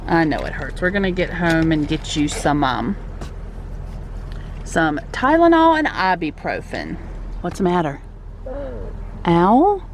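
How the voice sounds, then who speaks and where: A woman's voice: fairly low pitch, big pitch swings, measured pace, long pauses, slight background noise. A middle-aged woman chatting casually as a vlogging mother, coaxing and repeating instructions as if to a child. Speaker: mother vlogging with her son. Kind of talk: casual vlog chat. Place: inside a car.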